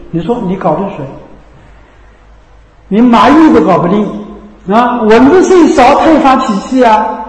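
A man's voice: sits high, a little mellow. A man teaching as a Buddhist preacher, repeating himself and asking rhetorical questions to check that listeners follow. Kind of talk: Buddhist sermon. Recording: echoey hall reverb.

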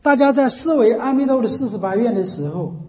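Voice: medium pitch, animated, quick pace, a little mellow. A Buddhist teacher giving a Pure Land sermon to a gathering, talking conversationally and often asking the listeners rhetorical questions. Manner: conversational preaching, keeps asking rhetorical "isn't it?". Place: meeting hall with an assembled audience. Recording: long hall reverb.

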